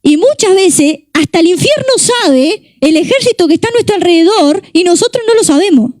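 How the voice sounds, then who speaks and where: A young woman with a Rioplatense Spanish accent preaches with passion, stacking up rhetorical questions. Her voice sits high yet sounds mellow and warm. The recording is dry and close. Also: animated, brisk, no room sound. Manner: impassioned, repetitive rhetorical questions. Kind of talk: sermon.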